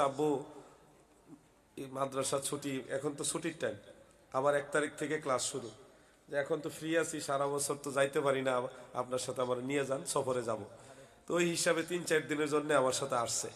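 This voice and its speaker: A hoarse man from Bangladesh, a preacher delivering a heated waz sermon at a religious gathering, often raising his voice. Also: on the high side. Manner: loud, heated, swings into shouting. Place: outdoor religious gathering stage.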